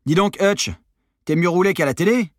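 A man reading an audiobook, voicing a bold, sharp-tongued teenage girl with mocking quick retorts. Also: high-pitched, dry recording, clean studio sound, pitched above the performer's own voice, lightly acted. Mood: cheeky.

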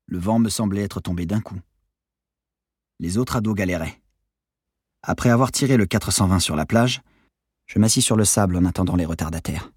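A man reading a novel aloud as a calm, quiet first-person narrator. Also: low-pitched, normal speed, pauses often, husky, no room sound, studio quality. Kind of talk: audiobook narration.

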